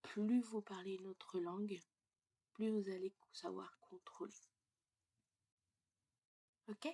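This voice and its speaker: French pronunciation teacher lady, slow and careful, gravelly husky voice, keeps asking ok?. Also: medium pitch, little pitch movement, mellow. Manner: explains step by step, checks in with "ok?"; slow, deliberate delivery. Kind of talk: casual lesson.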